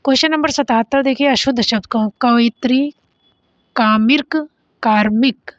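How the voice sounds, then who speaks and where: A young woman teacher giving an exam revision lesson, reading out answer options and briskly correcting each word, and speeding up when she announces each question number. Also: high voice, no room sound. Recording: dry, dull lo-fi sound.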